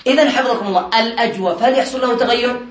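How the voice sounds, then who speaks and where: A man teaches Arabic morphology in a classroom, explaining step by step, quizzing his students and often chuckling along the way. His voice is extremely high and very fast, and the room sounds echoey.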